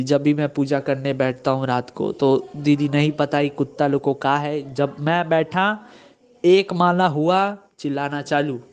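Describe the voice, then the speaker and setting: A young man telling a personal story in earnest, halting speech that repeats itself. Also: fairly high pitch, a little mellow. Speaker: devotee sharing experience. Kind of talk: personal testimony.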